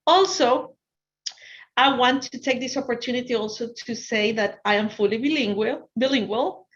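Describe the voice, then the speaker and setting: A financial consultant appearing as a guest speaker presents to students over a video call. A native Spanish speaker with an Ecuadorian accent and a fairly high voice at normal speed, she is encouraging and repeats phrases for emphasis, and the audio sounds somewhat dull and lo-fi.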